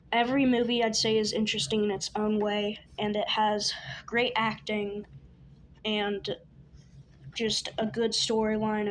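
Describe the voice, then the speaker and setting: A woman's voice: a little high, a little hiss or hum, poor audio. A young woman vlogging casually about films, chatty and stumbling, full of fillers and restarts. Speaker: video creator. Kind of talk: casual movie ranking vlog.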